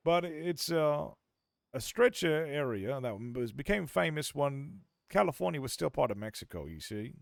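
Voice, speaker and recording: A man's voice: fairly high pitch, sing-song, moderate pace, gravelly, no echo, studio quality. Man playing a folksy Old West California storyteller. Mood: reflective storytelling. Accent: American. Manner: folksy, theatrical, repeats phrases for emphasis. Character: Old West California drifter, outlaw's son, reflective storyteller. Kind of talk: improvised Western role-play.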